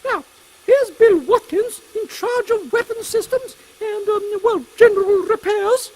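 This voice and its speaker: Man putting on a very high-voiced, imperious Queen Victoria. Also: unhurried, darkish tone, low-quality recording. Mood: brisk, regal. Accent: English. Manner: pompous, regal, commanding. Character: imperious, brisk Queen Victoria, haughty older British woman. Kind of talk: steampunk audio comedy acting.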